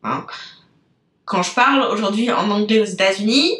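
Speaking at a moderate pace in a medium-pitched, slightly bright voice, this woman from France hosts her business-coaching podcast with a French accent. The monologue is unscripted and chatty, drifting off track and full of fillers as she addresses listeners directly. The room sounds reverberant.

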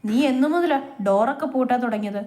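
A woman voicing a caring older sister who gently questions and soothes. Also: fairly high pitch, fast, close to an everyday voice. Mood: probing.

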